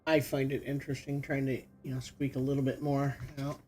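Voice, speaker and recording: A man's voice: mid-range voice, completely flat delivery, a little fast, darkish tone, slight background noise. A middle-aged man giving casual commentary while he plays, thinking aloud with lots of fillers. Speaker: gaming streamer.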